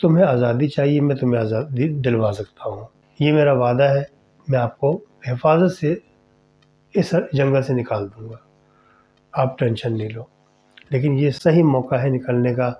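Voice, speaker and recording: A soft, secretive unseen spirit, put on by a male storyteller, speaking low and reassuring in a told horror tale. His tone is gentle but insistent. The recording sounds dull and lo-fi. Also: close to an everyday voice. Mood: urgent. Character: invisible male spirit, friendly, whispering helper.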